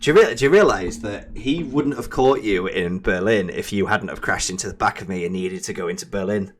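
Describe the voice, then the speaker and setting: A man's voice: lowish voice, fairly quick, slight background noise. A man streaming a truck driving game, chatting casually and teasing his co-player, sometimes breaking into silly sing-song noises. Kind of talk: casual gameplay chat with a co-player.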